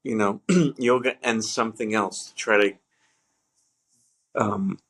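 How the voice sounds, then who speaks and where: A man co-hosts a relaxed podcast conversation in a slightly low voice. He talks in halting bursts, backs up and restarts his sentences, and breaks into laughter as he tells a story. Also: breathy edge. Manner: halting, many fillers and restarts, laughs while telling a story. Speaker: podcast co-host. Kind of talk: casual chat.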